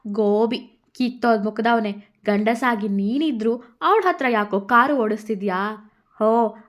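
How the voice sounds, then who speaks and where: A woman voicing a feisty young heroine in a narrated story, loud and defiant. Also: on the high side.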